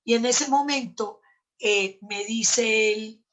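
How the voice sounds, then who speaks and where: A woman's voice: fairly high pitch, slow, a bit bright. A middle-aged woman, an NLP trainer, telling a story in a live talk and acting out both sides of a dialogue.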